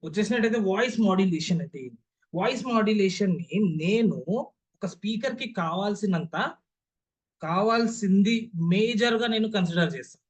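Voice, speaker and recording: A young man with a Telugu accent teaches an online class as a public speaking trainer, stressing key words and often asking rhetorical questions to check that listeners follow. His voice is high and brisk, and the recording is low quality.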